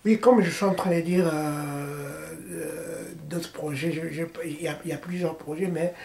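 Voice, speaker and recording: A man from the Democratic Republic of the Congo with a Congolese French accent, answering interview questions haltingly, with many fillers and restarts. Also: fairly high pitch, fairly even intonation, creaky, a little mellow. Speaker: interviewee, political party founder. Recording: echoey room with faint noise.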